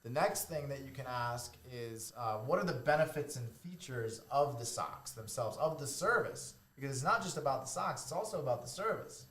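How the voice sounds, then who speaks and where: A man's voice: medium pitch, animated, moderate pace, hardly any pauses, fairly bright tone, reverberant. A man with a Boston accent co-hosting a podcast, chatting casually and joking between points. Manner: joking, laughs often. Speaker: podcast co-host. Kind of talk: casual chat.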